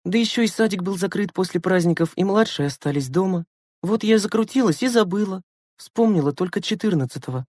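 A man reading an audiobook, voicing a tearful, anxious young teenage girl in a high, strained voice. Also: expressive, fairly quick, a little mellow, no echo, clean studio sound. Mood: wistful.

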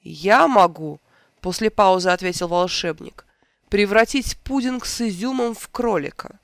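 A reader voicing an old, sentimental court wizard in a storybook tale, speaking gently with a gravelly edge. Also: medium pitch, unhurried, no echo. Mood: reminiscing.

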